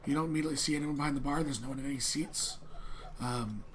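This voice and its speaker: A man narrating an improvised tabletop game as game master in a halting, conversational way. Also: mid-range voice. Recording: clearly noisy room.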